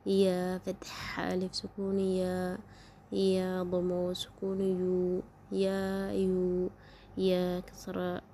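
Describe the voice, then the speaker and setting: Woman, alphabet teacher; slow, flat, even delivery over faint hiss. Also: lowish voice. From Oromia, Ethiopia. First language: Afaan Oromo. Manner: slow, drawn-out letter sounds, repetitive drilling. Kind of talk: slow syllable-drill lesson.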